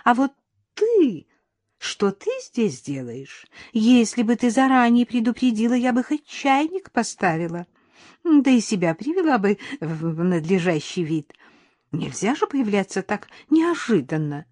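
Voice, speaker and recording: A woman's voice: a little high, mellow, no room sound, clean studio sound, pitched above the performer's own voice. A woman voicing a scheming middle-aged mother-in-law who coos in a sugary, cloying way, in an audiobook. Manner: cloying, lisping-sweet cooing.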